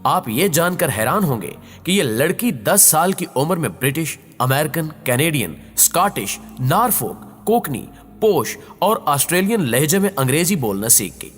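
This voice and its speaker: Expressive man narrating a story. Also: on the high side, hardly any pauses. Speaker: storyteller and channel host. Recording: long reverb with faint background music.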